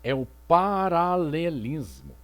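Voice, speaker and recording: A man's voice: on the high side, huge pitch swings. A male literature teacher giving a recorded lecture, reading poems aloud and posing rhetorical questions that he then answers. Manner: didactic, asks rhetorical questions and answers them; reads poetry aloud slowly.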